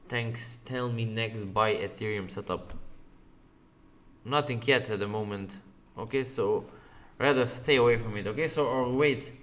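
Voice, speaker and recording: A man's voice: medium pitch, fairly bright tone. Man hosting a trading webinar. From Slovenia. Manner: repeats "okay" often, plain non-native phrasing, laughs easily. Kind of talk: live webinar answering viewer questions over charts.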